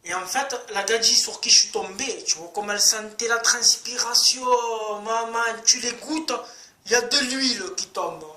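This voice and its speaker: A man rambles crudely to his viewers, circling back to the same complaints again and again. His voice is bright and pushed forward. The recording is roomy and echoing. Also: very high voice, normal speed. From France. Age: 30s. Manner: rambling, crude, repeats himself. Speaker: vlogger. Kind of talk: casual rant to camera. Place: outdoors in sunny street.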